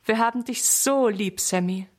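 A woman's voice: a little high, moderate pace, lightly acted. A woman voicing a loving father sheep in a children's story, speaking in a tender, fatherly way. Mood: joyful.

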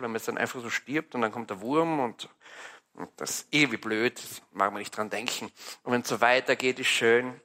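A man with an Austrian accent giving a lively, colloquial sermon, acting out little dialogues. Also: medium pitch. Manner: animated, colloquial, playful with acted-out dialogue. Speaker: preacher.

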